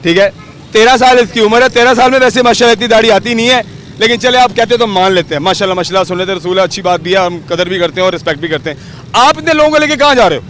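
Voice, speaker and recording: A male street reporter with a Pakistani Urdu accent presses people with probing questions beside a busy road. His voice sits high for a man, with faint traffic noise around him. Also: very fast, fairly bright tone. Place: roadside outdoors in city traffic.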